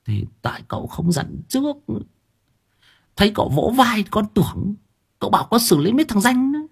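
A man's voice: high-pitched, very animated, brisk, gravelly, slightly rough, pitched above the performer's own voice, full character voice. A man voicing an eager, dim-witted young male sidekick with a whiny, pleading way of talking.

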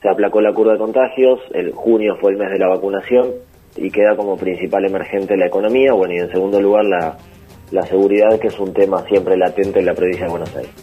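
A sociologist giving measured interview answers, laying out points in order. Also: male voice, deep voice, fairly even intonation, slightly rough, highs cut off, soft background music.

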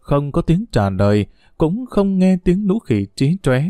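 A man reading a story aloud in a steady, even narrating voice. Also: on the high side, unhurried, dry recording, clean studio sound, soft background music. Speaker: audiobook reader.

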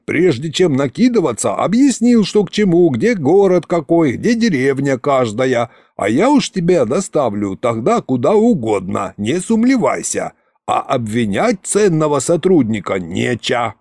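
Brief: grumbling boozy male box-spirit, read by a man, sly and folksy, lively pitch. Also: takes it slowly, few pauses, husky, no room sound, clean studio sound, heavily acted. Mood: indignant.

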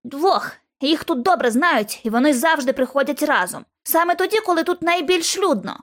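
A woman reading an audiobook, voicing a surly, greedy teenage boy watchman who talks shrill and out of breath. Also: animated, moderate pace, a bit bright. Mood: wary. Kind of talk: audiobook character voice.

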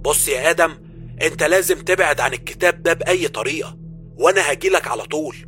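A woman's voice: deep voice, fast talker, a bit bright, faint music behind, voice pushed up. A man voicing a worried young woman who is an expert in magic, with an Egyptian accent. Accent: Egyptian Arabic.

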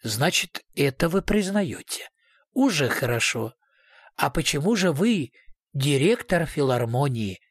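A man's voice: fairly high pitch, big pitch swings, a little slow, husky, no echo, heavily acted. A man doing a sly, brutal investigator. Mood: mock-polite. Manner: swings between sugary politeness and snarling. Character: brutal male police investigator, sly, mock-friendly.

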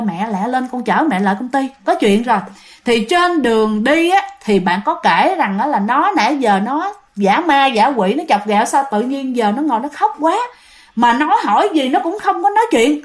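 A woman with a Southern Vietnamese accent telling ghost stories in a chatty way, often repeating herself and speaking directly to listeners. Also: on the high side. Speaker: storyteller host. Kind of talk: casual ghost story telling.

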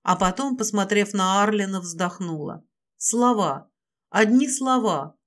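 Woman reading a romance novel out loud, first person, intimate and emotional. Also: medium pitch, animated, unhurried. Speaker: audiobook narrator.

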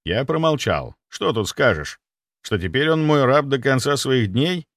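A man reading a story aloud as the narrator, with a dry, lively manner. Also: medium pitch, a little slow, no echo. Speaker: audiobook narrator. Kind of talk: scripted narration.

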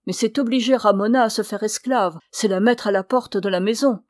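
A woman's voice: medium pitch, brisk, no room sound, studio quality, natural voice. An impulsive, pleading young man, read by a woman. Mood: urgent pleading.

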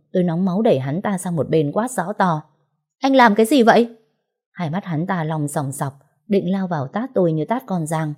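A woman narrates an audiobook in the first person, in speech. Her voice is low-set and mellow, and her delivery stays steady and even.

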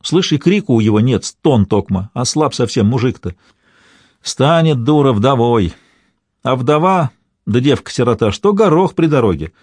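A man's voice: mid-range voice, animated, normal speed, darkish tone, breathy edge, dry recording. A man voicing a fussy, talkative old peasant father who pleads and chatters in folksy old-fashioned speech.

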